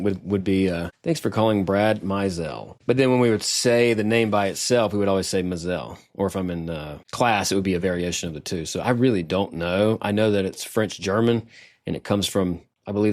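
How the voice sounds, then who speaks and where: Low-voiced male podcast host. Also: darkish tone, no room sound, studio quality. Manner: loose, rambling, restarts often. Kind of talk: casual interview chat.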